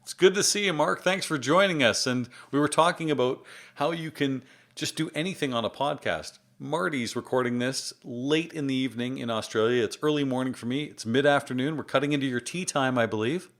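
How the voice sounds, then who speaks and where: A man's voice: medium pitch, fairly quick, few pauses, a bit bright. A man hosts a casual podcast interview with plenty of enthusiasm. He leans on his words with emphasis while keeping the chat easy. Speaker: podcast host.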